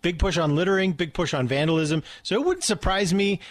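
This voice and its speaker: A man's voice: high-pitched, brisk, no echo. Earnest male co-host explaining rules. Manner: earnest, explaining, emphatic repetition. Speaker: radio co-host. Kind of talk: casual radio banter.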